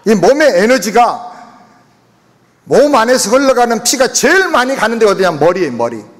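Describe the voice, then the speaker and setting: A man's voice: very high voice, very animated, brisk. Male pastor preaching emphatically, sound rings out in a big church hall. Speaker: senior pastor. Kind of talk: sermon. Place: church sanctuary. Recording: long reverb of a church hall.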